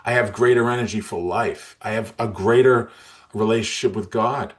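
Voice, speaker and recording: Deep-voiced man in his sixties, earnest. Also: moderate pace. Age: 60s. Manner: earnest, emotional, with frequent restarts. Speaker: guest. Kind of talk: interview storytelling.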